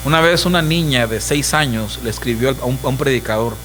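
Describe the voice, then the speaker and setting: A man's voice: medium pitch, a little fast, a bit bright, a little hiss or hum, poor audio. A middle-aged pastor with a Mexican accent preaching a sermon emphatically, asking his congregation questions and acting out voices. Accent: Mexican Spanish.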